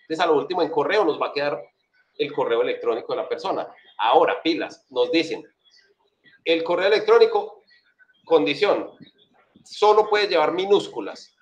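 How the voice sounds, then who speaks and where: A man's voice: a little high, animated, normal speed, highs cut off. A man with a Colombian accent giving a casual, chatty programming lesson, walking through his code with plenty of slang and repeated check-in questions to his students. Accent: Colombian Spanish. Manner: chatty, slangy, asks "right?" often. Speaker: programming instructor. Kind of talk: casual screen-share coding lesson.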